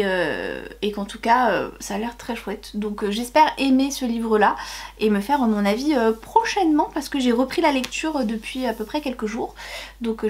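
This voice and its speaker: A young woman chatting casually as a book YouTuber, unboxing with rambling, hesitant talk and gushing exclamations. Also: a little high.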